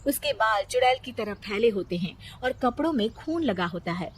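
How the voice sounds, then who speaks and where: High-pitched woman narrating a story. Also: expressive, moderate pace, slight background noise. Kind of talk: scripted Hindi moral-story narration.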